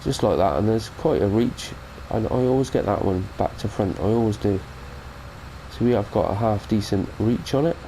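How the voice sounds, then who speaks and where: Recorded in low quality with a little hiss or hum, a British gaming host with a cold offers chatty, rambling commentary on a farming game mod, correcting himself as he talks. His voice is on the low side and warm, at normal speed.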